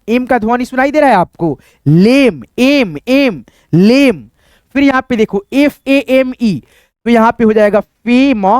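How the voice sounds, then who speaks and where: A man's voice: very high voice, a little mellow, clear, resonant tone, dry recording. Guy teaching pronunciation online, spells letters out and repeats every word, dry close sound. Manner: constantly addresses viewers as friends. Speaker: English teacher. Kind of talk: online pronunciation lesson in Hindi.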